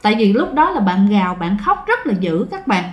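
A woman's voice: mid-range voice, big pitch swings, a little fast, dull audio. A woman telling a ghost story to her listeners in a conversational way, often turning to them directly. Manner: conversational, addresses listeners often, acts out the family's lines. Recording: echoey room.

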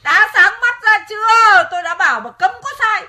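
An actress playing a worried, nagging older village wife in a radio drama. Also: female voice, high-pitched, expressive, brisk, pushed and bright. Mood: scolding. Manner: nagging, exclaiming.

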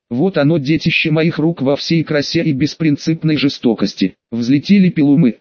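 A man narrating a first-person fantasy audiobook with a steady, even storytelling delivery. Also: fairly high pitch, no echo, highs cut off.

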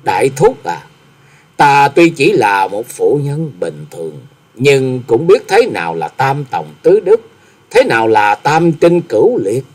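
A man voicing a distraught, wronged middle-aged wife who laments slowly and bitterly through tears in a story reading. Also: mid-range voice, sing-song, dark tone. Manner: tearful, slow, accusing lament.

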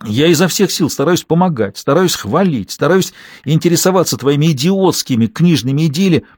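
A man voicing a furious, betrayed middle-aged husband who shouts bitter accusations. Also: a little high, sing-song, normal speed, dry recording, clean studio sound, voice pushed up.

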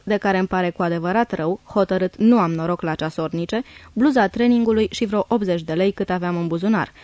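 A woman reading a diary aloud in a calm, measured first-person voice, close to the mic. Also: mid-range voice, no room sound. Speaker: audiobook reader.

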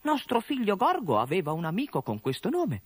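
A man's voice: high voice, wildly swooping pitch, a little fast, no echo, studio quality, pitched above the performer's own voice, exaggerated voice. A man voicing a tender middle-aged female orc mother who speaks in a rising, amazed way, in a storybook reading.

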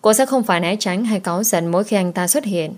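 A woman narrating an audiobook story in a soft, emotional reading voice. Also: medium pitch, fast.

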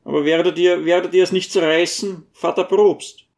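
A timid, shrewd little dwarf from an audiobook, pleading anxiously as a man puts him on. The voice sits noticeably high and wavers with worry. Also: fairly even intonation, moderate pace, creaky, a little mellow. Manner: anxious, imploring. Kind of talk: audiobook reading.

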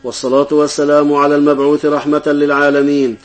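Egyptian male Islamic scholar, formal Standard Arabic, rather high voice with flat intonation. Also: quick pace. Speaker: Islamic law professor answering questions.

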